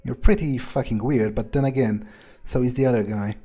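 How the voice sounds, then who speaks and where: Brisk and slightly rough, this man's dark, medium-pitched voice carries his in-character musings as he plays a video game. He's blunt and profane, and game music plays beneath him.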